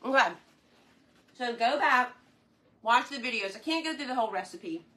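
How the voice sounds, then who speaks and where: A woman's voice: fairly high pitch, expressive, moderate pace, sharp tone. A woman, chatting casually on a live cooking stream while eating, enthusiastic and sometimes talking with her mouth full.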